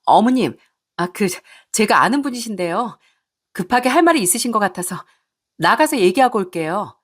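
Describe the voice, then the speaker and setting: A woman's voice: mid-range voice, animated, normal speed, fairly bright tone, husky. A woman doing a stammering, pleading wife. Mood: flustered, pleading. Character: flustered wife caught cheating, begging.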